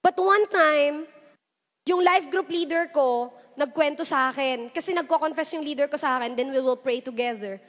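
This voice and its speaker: A woman's voice: sits high, moderate pace, fairly bright tone. A young woman preaching a youth sermon in a mix of Tagalog and English, retelling stories and voicing the people in them. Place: church hall. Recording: echoey church hall.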